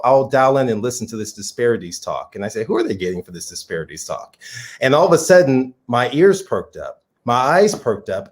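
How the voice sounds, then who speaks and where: A man co-hosting an interview show, talking in an enthusiastic, chatty way and laughing easily. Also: medium pitch. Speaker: co-host. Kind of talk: casual conversation.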